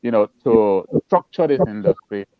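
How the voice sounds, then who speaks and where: A man's voice: fairly low pitch, expressive, normal speed, smooth, no echo. A man giving an earnest, emphatic opinion as a panelist, heard over a narrow phone-like connection. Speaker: panelist, film industry practitioner. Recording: thin phone-like line, dry.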